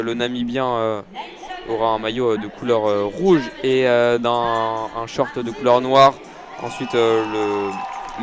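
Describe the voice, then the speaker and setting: A man giving live audio-described athletics commentary from a stadium, hesitant with many fillers, rising when excited. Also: mid-range voice. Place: outdoor stadium.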